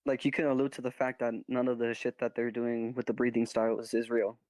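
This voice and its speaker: A man's voice: mid-range voice, little pitch movement, fairly quick, darkish tone, no room sound. A man chatting casually and slangily as a co-commentator, backing up the person he talks with. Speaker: co-commentator on a reaction stream.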